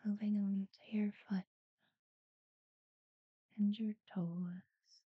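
A woman guiding a sleep meditation in a soft, breathy near-whisper, soothing and unhurried, with long pauses between short phrases. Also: mid-range voice, flat delivery, no echo, highs cut off. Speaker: guided relaxation narrator. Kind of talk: guided sleep meditation talkdown.

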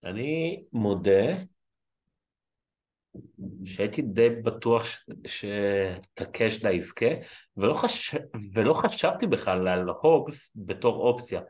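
A man with a fairly low voice, co-hosting a wrestling chat show. He speaks in a measured, candid way. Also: expressive, a little mellow. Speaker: wrestling podcast co-host. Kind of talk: casual chat.

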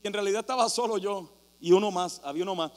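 A man preaching a sermon as pastor, telling a story animatedly and acting out shouting crowds. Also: high voice, very fast. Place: church hall. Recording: reverberant hall with mains hum.

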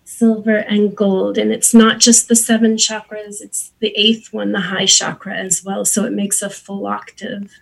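A woman speaking as an interview guest, explaining and gently guiding in unscripted talk, searching a little for her words. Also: medium pitch, little pitch movement, a little slow, creaky, few pauses, husky, rough recording. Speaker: interview guest, sound healer and Reiki practitioner.

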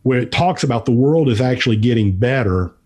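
A man giving unscripted podcast commentary, thinking aloud in a halting way with repeated words. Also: medium pitch, lively intonation, a little mellow. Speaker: podcast's featured financial commentator.

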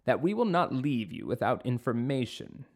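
A man voicing a grim, measured old wizard. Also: mid-range voice, very animated.

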